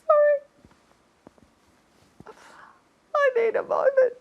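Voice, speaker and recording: An actress playing a vain, self-absorbed talk-show host in a comedy sketch, talking in a theatrical, self-pitying way. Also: female voice, high-pitched, expressive, takes it slowly, highs cut off. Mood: mock-tearful. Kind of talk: comic sketch acting.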